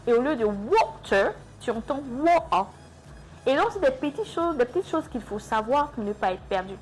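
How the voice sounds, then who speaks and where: A young adult woman teaching an English lesson in French. She speaks slowly and repeats words to model their pronunciation. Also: sits high, animated, faint music behind.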